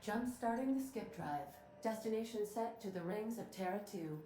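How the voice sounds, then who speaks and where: A woman playing a witty, loyal ship's artificial intelligence in a video game, speaking in a formal, precise, deadpan way. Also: mid-range voice, normal speed, roomy sound, close to an everyday voice, low-quality recording. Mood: calm, matter-of-fact. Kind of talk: scripted video game acting.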